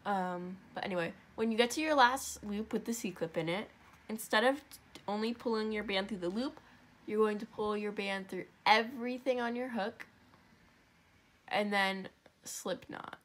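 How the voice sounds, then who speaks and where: Speaking at a medium pitch, this craft tutorial host is a young woman whose nose sounds blocked and stuffy. She takes her audience through a crafting project step by step in a loose, wandering way, tossing in asides and correcting herself quickly, as relaxed as if she were filming at home.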